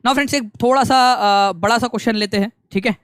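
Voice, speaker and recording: Very high-pitched and fairly bright, a young man races through an online exam-prep lecture at a quick pace. He keeps it conversational, going over key points again and mixing in English phrases, and the recording is dry and studio quality.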